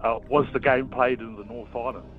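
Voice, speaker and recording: A man's voice: mid-range voice, fairly even intonation, a little fast, faint music behind. Hesitant male caller on a tinny phone line, heard as over a Bluetooth headset. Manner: hesitant, thinks aloud with restarts. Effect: heard over a phone line, first asked if he is on Bluetooth. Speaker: radio competition caller. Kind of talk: casual phone-in chat.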